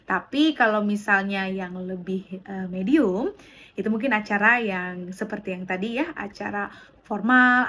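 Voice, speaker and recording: Lively young woman teaching public speaking. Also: a little hiss or hum. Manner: lively teaching voice that demonstrates pitch and intonation; mixes in English terms. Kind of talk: online class lesson.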